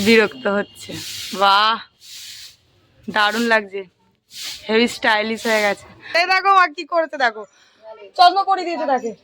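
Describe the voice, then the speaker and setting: High-voiced chatty woman vlogging. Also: normal speed, pauses often, bright, forceful tone, a little hiss or hum. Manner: chatty, pointing things out to viewers, soothing a crying child. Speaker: family vlogger, mother. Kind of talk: casual family vlog narration to camera. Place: at home with family around.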